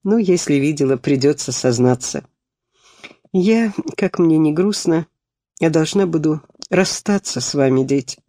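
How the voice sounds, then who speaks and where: A man reading a soft-spoken tearful woman teacher. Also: a little high, expressive, a little slow, no room sound, studio quality. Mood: tender. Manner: soft, tender.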